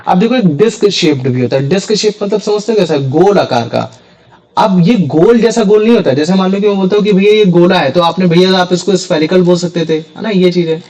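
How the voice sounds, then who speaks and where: A man's voice: high-pitched, a little fast, darkish tone, low-quality recording. A young man teaching a science class in a casual way, often repeating key terms as questions to his students.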